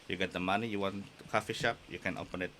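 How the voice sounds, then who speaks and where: Laid-back man, deep bright voice. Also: fast, a little hiss or hum. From Indonesia. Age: 30s. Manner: relaxed, laughs often, frequent "you know" fillers. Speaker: podcast guest. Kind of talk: casual conversation mixing English and Indonesian.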